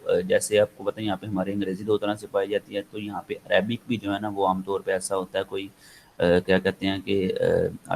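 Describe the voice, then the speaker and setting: A man's voice: sits low, vocal fry, a little hiss or hum, rough recording. A man with a Pakistani accent giving an online lecture, rambling with many fillers and slipping into English. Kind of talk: online lecture, casual explaining.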